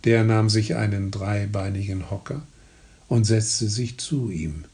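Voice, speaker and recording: A man with a raspy, gravelly voice reading a historical novel aloud in slow, even narration. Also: on the low side. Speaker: audiobook narrator. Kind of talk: scripted narration.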